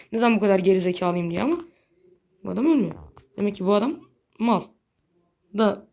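A woman giving casual gameplay commentary in a blunt, slangy way, quick to get annoyed. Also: medium pitch. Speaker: gaming video creator.

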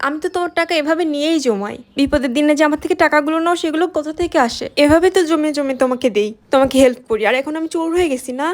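A woman playing a scheming young wife who sneaks money from her husband's wallet and then scolds him loudly. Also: high voice, rapid-fire, few pauses, lightly acted. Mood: defensive. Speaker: wife in comedy skit. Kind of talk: comic skit acting.

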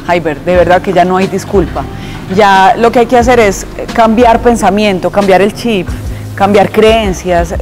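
A woman, a host speaking calmly and encouragingly on a lapel mic. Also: medium pitch. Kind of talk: hosting chat and recipe segment.

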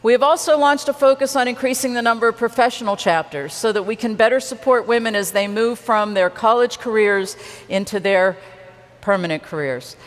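A woman in her sixties delivers a prepared speech at a conference podium, speaking in a measured, deliberate way. Her voice sits a little high. The headset mic carries the long reverb of a large hall. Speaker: awards presenter.

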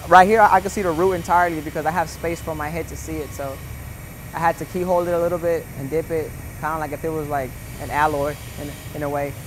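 A young man with a slightly high voice gives a laid-back, rambling welding lesson as a casual voice-over, with noise in the background. He's the welding instructor, and he fills his talk with lots of "you know" and "like."

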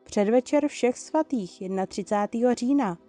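A woman's voice: on the high side, mellow, faint music behind, natural voice. A woman voicing a cheerful, teasing teenage girl in a read-aloud fan story. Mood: playful.

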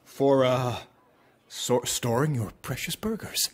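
An actor playing a theatrical, bossy male zombie food-truck boss in an animated comedy, given to shouting. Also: mid-range voice, takes it slowly. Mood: gleeful.

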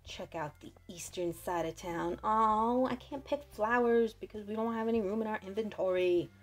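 A woman's voice: medium pitch, normal speed. A woman giving casual, chatty let's-play commentary, playful and thinking aloud. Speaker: gaming video host. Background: faint game music.

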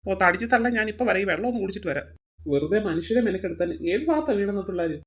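A woman's voice: medium pitch, expressive, very fast, muffled recording, natural voice. Woman voicing a grumpy lazy zoo worker man. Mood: grumbling. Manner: grumbling, peevish, stalling. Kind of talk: cartoon voice acting.

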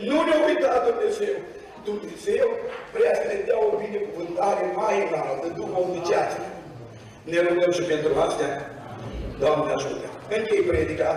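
A Romanian man preaching a sermon in a church, telling stories and acting out the dialogue with lively energy. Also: sits high, slight background noise. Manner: animated storytelling, acting out dialogue. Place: church hall. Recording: echoey hall from far off.

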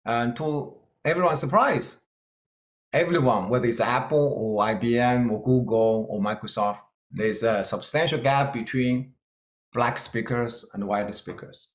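A keynote speaker from China gives a conference talk with slides in a Chinese-Scottish English accent. He's earnest and plain-spoken, using hesitant fillers, with a mid-range voice at a measured pace, and the sound is reverberant.

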